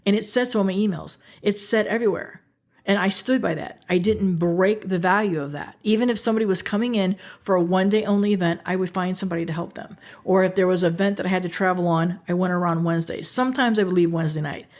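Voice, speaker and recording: A woman's voice: on the low side, fast, a little mellow. A woman in her sixties hosting a podcast, speaking earnestly to listeners as her friends and repeating key phrases in a motivational monologue. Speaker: podcast host.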